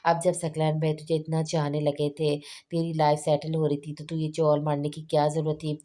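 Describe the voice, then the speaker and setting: A woman voicing a young woman who scolds and teases her best friend, in a low, flat voice. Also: moderate pace, natural voice. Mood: scolding. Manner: scolding, then teasing.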